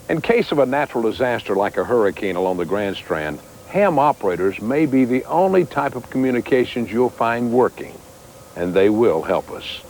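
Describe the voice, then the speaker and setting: Animated man narrating a news feature. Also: fairly low pitch, a little hiss or hum, poor audio. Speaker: TV feature reporter.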